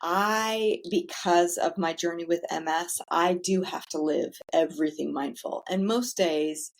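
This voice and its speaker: Speaking a little slowly in a somewhat low voice, the founder of a self-care center shares her story as a podcast guest. The interview is casual, and she is frank and talkative, letting the occasional swear word slip easily.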